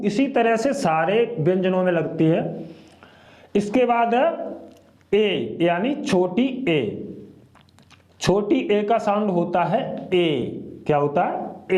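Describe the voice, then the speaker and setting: Slow, echoey Hindi teacher man. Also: high voice, darkish tone. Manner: repeats each sound, asks and answers himself. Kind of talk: slow children's Hindi lesson. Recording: echoey room.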